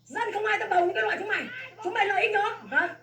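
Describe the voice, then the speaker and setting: Speaking very fast with a very high, pushed and bright voice, a Vietnamese farmer keeps her intonation fairly even as she protests the seizure of her land. It's an angry public complaint, fierce and repetitive in its scolding, heard echoey from far off the mic.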